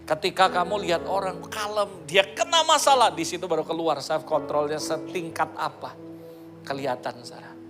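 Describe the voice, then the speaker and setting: A man's voice: on the high side, fairly even intonation, moderate pace. A middle-aged pastor from Indonesia preaching with energy and often calling out to his congregation. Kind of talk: sermon. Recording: sermon with music playing behind.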